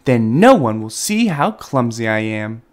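A man voicing a frightened baby female fruit bat in a high, squeaky voice while reading a storybook aloud. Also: sing-song, unhurried. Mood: determined.

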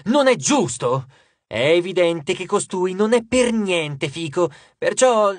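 A man's voice: high voice, very animated, moderate pace, fairly bright tone, slightly rough, dry recording, full character voice. A man doing a vain, petulant young beauty. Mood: indignant. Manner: haughty, petulant. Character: vain, handsome young man, self-obsessed.

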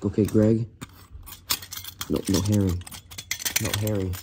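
A man's voice: lowish voice, level tone, unhurried, very noisy. A man hosting a homemade elimination series at home, calling out names one after another in a casual, rambling way and often correcting himself. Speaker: host of a toy car elimination series. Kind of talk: casual play-by-play narration.

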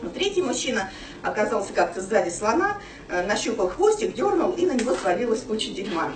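With music in the background, a woman in her thirties briskly shares her personal story at a business meeting, her medium-pitched voice rising and falling widely. She is chatty and filler-heavy in front of a small audience. A camera across the small office room, with no microphone, records roomy, distant sound.

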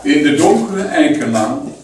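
A man reading a first-person memoir aloud in a deliberate storytelling manner, now and then adding loose spoken asides. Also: fairly high pitch, expressive. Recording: echoey, distant mic, faint noise.

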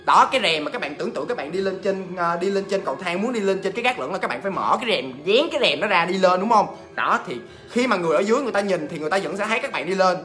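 A man telling a ghost story in a chatty, animated way, talking straight to his listeners. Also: sits high, very fast, hardly any pauses, faint music behind.

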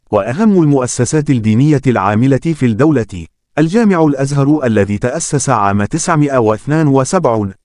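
A man giving scripted documentary narration, reading facts and figures in a steady, even way. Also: medium pitch, dry recording, studio quality.

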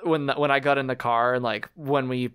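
A young man hosting a podcast, chatting casually in a relaxed, slangy way. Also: mid-range voice, normal speed, smooth. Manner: relaxed, slangy, laughs easily. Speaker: podcast host. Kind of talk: casual interview chat.

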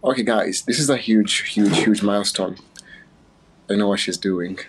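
Very deep gravelly man from Uganda. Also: moderate pace, background noise. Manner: playful, chatty, often laughing. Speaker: livestream host. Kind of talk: casual livestream chat.

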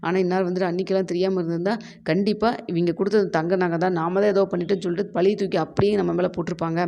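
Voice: medium pitch, flat delivery, rapid-fire, creaky, warm tone. A narrator retelling a drama's plot in casual speech, voicing each character's lines in the same plain voice and leaning on many fillers. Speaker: serial recap narrator. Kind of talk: fast casual storytelling recap.

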